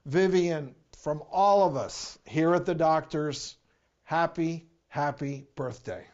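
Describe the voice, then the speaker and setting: A man's voice: a little high, slow, a little mellow. A man presenting and interviewing as host of a TV talk show, in slightly dull sound.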